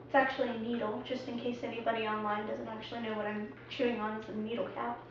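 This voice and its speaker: A chatty young woman explains things in a playful, singsong way. Her voice sits high, and it sounds distant and muffled. Strong echo from the room surrounds it. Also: level tone, fast talker, background noise. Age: young adult. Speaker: student presenter. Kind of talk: casual student video skit. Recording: echoey room, far from a dull mic.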